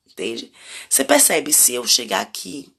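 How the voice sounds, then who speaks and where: A woman's voice: a bass voice, huge pitch swings, normal speed, vocal fry, fairly bright tone, husky. A Brazilian woman in her thirties hosting a live stream on parenting, reflective and asking her viewers direct questions. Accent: Brazilian Portuguese. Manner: reflective, asks the audience many direct questions.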